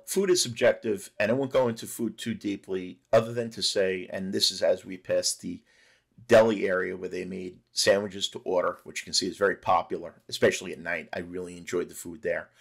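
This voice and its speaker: A middle-aged man giving a relaxed, conversational voice-over narration for a cruise ship tour vlog. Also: lowish voice, gravelly, breathy edge. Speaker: travel vlogger.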